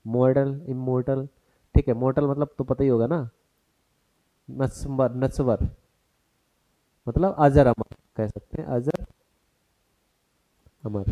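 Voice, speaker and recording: This man has a mellow, mid-range voice. He teaches an exam-prep grammar lesson, turning each point into a question for the class and mixing English terms into his explanation.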